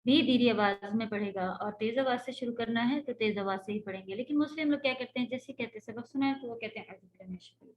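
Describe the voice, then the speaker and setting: A woman's voice: on the high side, hardly any pauses, lo-fi sound. A woman Quran teacher giving a patient, explanatory religious lecture, slipping English words into her talk.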